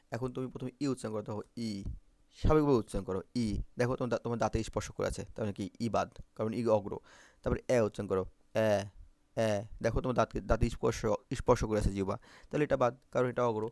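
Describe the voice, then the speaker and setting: A man's voice: on the low side, a little mellow, no room sound. A man teaching Bangla phonetics for exam prep, repeating vowel sounds and often checking if students follow.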